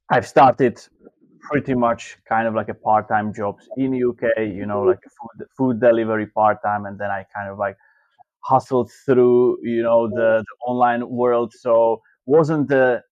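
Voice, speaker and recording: A man's voice: medium pitch, dry recording. Man from slovakia on a video call, loose rambly answers, kinda dull dry audio. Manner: loose, filler-heavy phrasing. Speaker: guest, marketing coach. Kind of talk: interview answers.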